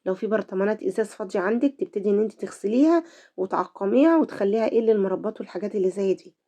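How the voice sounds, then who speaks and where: Egyptian woman, middle-aged, cooking host with a cold; fast, chatty, mellow tone. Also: medium pitch. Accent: Egyptian Arabic. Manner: chatty, talks to viewers directly. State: voice affected by a cold. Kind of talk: home cooking tutorial.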